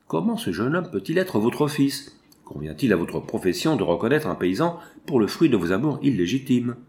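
A man's voice: medium pitch, very animated, normal speed, darkish tone, a little hiss or hum. A man reading the part of a domineering prince in a stern, scornful tone. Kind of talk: audiobook character reading.

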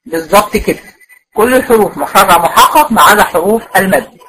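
A woman's voice: mid-range voice, expressive, quick pace, fairly bright tone, breathy edge, poor audio. An Egyptian woman teaching a tajweed lecture to female students, explaining step by step and often checking that they follow. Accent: Egyptian Arabic. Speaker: Quran recitation teacher.

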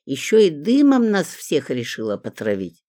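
A woman voicing a quarrelsome, coarse female neighbor who yells and scolds. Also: sits low, wildly swooping pitch, moderate pace, no echo, studio quality. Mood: scolding.

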